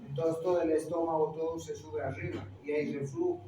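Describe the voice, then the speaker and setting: A middle-aged teacher with a Peruvian Spanish accent lectures a classroom in a voice a touch higher than most men's, speaking a little fast in a steady tone and tossing tag questions at students between points. He's recorded from a distance, far from the mic, in a very echoey room with a faint hiss.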